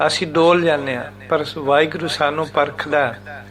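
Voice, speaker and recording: A man teaching the meaning and recitation of scripture, speaking deliberately and repeating words syllable by syllable to show how they are pronounced. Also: fairly high pitch, fairly even intonation, a bit bright, faint music behind.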